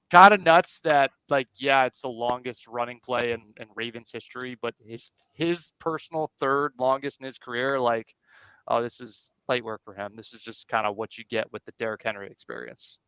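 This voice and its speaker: A man co-hosting a sports podcast, giving quick, energetic game analysis in casual chat. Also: mid-range voice, clean tone, no echo. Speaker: podcast co-host. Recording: dull lo-fi sound.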